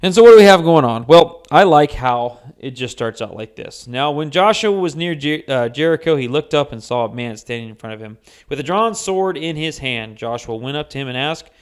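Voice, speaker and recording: A man's voice: a little high, expressive, normal speed, clean tone. Chatty man hosting a podcast. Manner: laughs often, restarts and repeats words. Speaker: podcast host. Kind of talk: casual chat about a Bible story.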